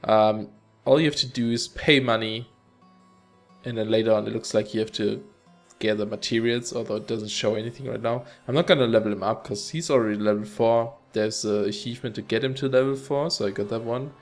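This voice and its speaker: A man's voice: lowish voice, fairly even intonation, brisk, soft background music. A man hosting a let's play, chatting casually and upbeat as he plays, with rambling asides. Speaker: gaming channel host.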